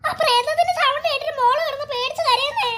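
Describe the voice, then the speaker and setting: A woman with a Malayali accent voicing a loving young cartoon mother who soothes her crying baby with a lullaby in a soft, gentle manner. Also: quick pace, a little hiss or hum. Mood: relieved. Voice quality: very high, bright cartoon voice. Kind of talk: cartoon voice acting.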